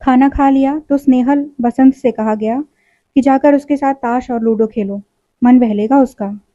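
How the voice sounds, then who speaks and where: Woman storyteller, high pitch, dull lo-fi recording. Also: steady tone, normal speed, warm tone, no room sound. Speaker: story reader. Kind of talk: literary story narration.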